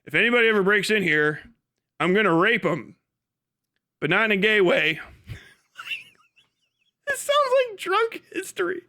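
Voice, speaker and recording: Reading aloud on his livestream, a man riffs in a casual, foul-mouthed, incredulous way and acts out mocking imagined exchanges. His high voice is bright and forceful with a sing-song lilt, a little slow and full of pauses.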